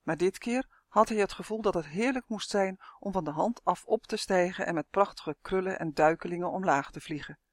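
Storybook narrator, woman, lively expressive read; dry close recording. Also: lowish voice, brisk, few pauses, dry recording.

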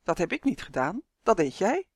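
A reader voicing a huge, smug know-it-all giant in a storybook, with a booming, teasing way of talking. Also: very animated, normal speed, dry recording, studio quality. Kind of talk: storybook reading.

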